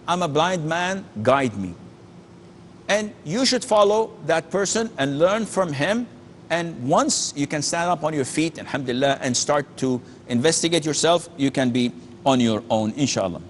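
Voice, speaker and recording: Man, sheikh, call-in Q&A, fairly high voice, faint rumble behind. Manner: earnest, emphatic, with frequent restarts and Arabic phrases. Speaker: sheikh answering callers' questions. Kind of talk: call-in religious Q&A.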